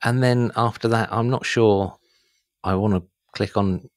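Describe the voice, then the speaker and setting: A man's voice: lowish voice, steady tone, unhurried, no room sound. A man with a South Suffolk English accent chatting casually as a podcast host, rambling through anecdotes in a jokey, easily amused way. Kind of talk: casual comic chat, telling anecdotes.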